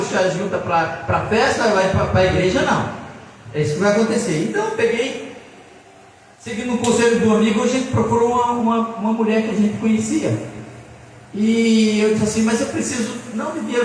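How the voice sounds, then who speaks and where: A man preaches a testimony, acting out the voices in his story. He sounds far from the microphone, in a hall with long, heavy reverb and a faint hum of ambience. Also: high voice. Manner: storytelling, acts out dialogue, laughs while telling. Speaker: church elder preaching. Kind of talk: testimony sermon. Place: church hall. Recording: echoey hall, far from mic.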